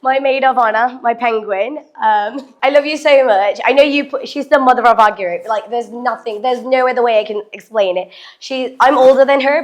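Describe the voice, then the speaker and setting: A young woman, raised in England, giving a halting speech full of fillers and introducing her family. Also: a little high. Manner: halting, with fillers and frequent laughs, mixing English and Malayalam. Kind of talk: affectionate speech, then casual chat. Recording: crowd chatter behind.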